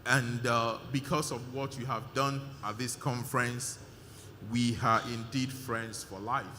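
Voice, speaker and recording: A man addresses a large conference hall, his voice bright and forceful as it carries into a long reverb. He speaks in emphatic bursts, repeating his thanks and filling pauses with "uh". Faint room ambience sits underneath. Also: mid-range voice, fairly even intonation, slight background noise. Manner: emphatic, repetitive thanks with many fillers. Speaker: conference organizer giving vote of thanks. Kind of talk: live conference speech.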